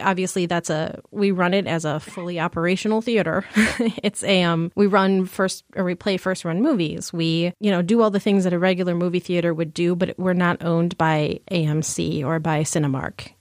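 A woman from Michigan appears as a guest in a casual interview, chatting away with lots of "like" and frequent laughter. Her voice is on the low side with a darkish tone, recorded in clean studio sound with no room sound.

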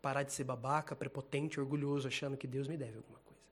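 A man preaching an informal sermon in a casual, animated, slangy way, laughing often. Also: medium pitch, fast.

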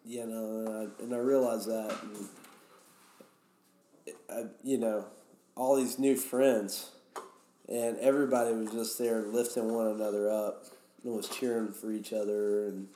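A man's voice: fairly low pitch, little pitch movement, a little slow, pauses often, dark tone, a little hiss or hum. A man guest telling stories in a casual, rambling way. He often restarts his sentences. The room has a roomy echo. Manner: rambling, many fillers and restarts. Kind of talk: casual storytelling.

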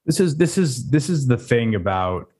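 A man's voice: mid-range voice, very animated, a little mellow, breathy edge. A man co-hosting a podcast in casual chat, joking and stumbling over restarts before making his points firmly. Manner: joking, halting restarts, then opinionated. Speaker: podcast co-host.

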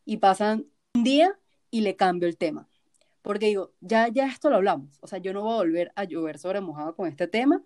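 A woman's voice: mid-range voice, brisk, a little mellow. Venezuelan-accented woman, blunt co-host in casual chat. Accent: Venezuelan Spanish. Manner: frank, blunt, swears casually.

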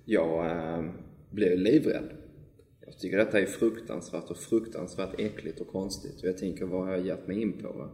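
Low-voiced male player, echoey. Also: a little mellow. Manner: dramatic, frequent tag questions. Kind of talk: describing his character's actions. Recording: echoey room with long reverb.

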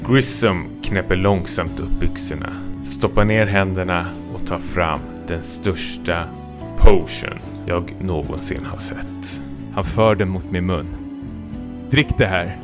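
A man's voice: deep voice, music in the background. A man co-hosting a podcast who reads his own comic fan story aloud in a playful way, often laughing as he reads. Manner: playful, breaks into laughter while reading. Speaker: podcast co-host. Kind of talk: comic reading of a self-written fan story.

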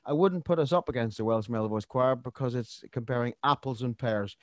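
A man's voice: medium pitch, a little fast, no room sound. A man from Ireland, a choir's musical director, chatting as a guest on a radio interview with many restarts.

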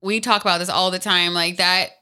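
Woman, bright voice, enthusiastic, affirming, quick casual talk. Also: lowish voice, steady tone. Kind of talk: casual chat.

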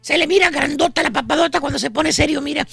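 A Mexican man hosts a radio comedy bit in a very high, bright and forceful voice with a gravelly edge. He races through slangy jokes and mocks his characters loudly, with music faint underneath. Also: no room sound. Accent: Mexican Spanish. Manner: rapid slangy banter, mocking and loud. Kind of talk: comic storytelling on a radio show.

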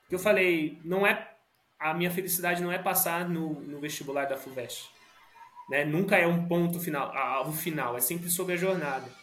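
A man's voice: on the high side, fairly even intonation, normal speed, a bit bright. A Brazilian man speaking as a podcast guest in a casual, reflective conversational way. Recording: roomy echo.

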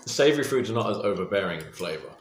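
Deep-voiced man, echoey room. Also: expressive, racing. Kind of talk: casual chat. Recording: roomy echo, noticeable background noise.

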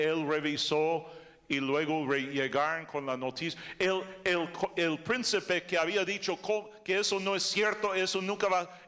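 Joking older male preacher, bright voice. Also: sits high, in a large hall. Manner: joking, animated preaching with asides to the congregation. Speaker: pastor. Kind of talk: sermon.

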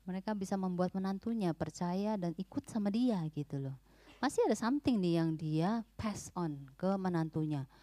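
A woman's voice: mid-range voice, dark tone, no echo. A woman giving an informal, emphatic church talk on parenting, often mixing English words into her speech.

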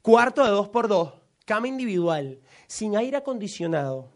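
A man's voice: sits high, big pitch swings, moderate pace. A man playing a vain medieval knight, musing aloud in a comic on-stage story.

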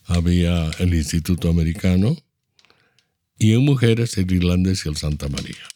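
A man in his seventies with a Bolivian Spanish accent, a guest in an interview, recalling his upbringing in a measured, explanatory way. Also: deep voice, dark tone. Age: 70s. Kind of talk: reflective storytelling.

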